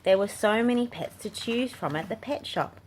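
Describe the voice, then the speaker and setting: This woman, a channel host who reads children's books, narrates a picture book for young listeners. Her voice is medium in pitch, expressive, and moderately paced, captured in a clearly noisy home setting.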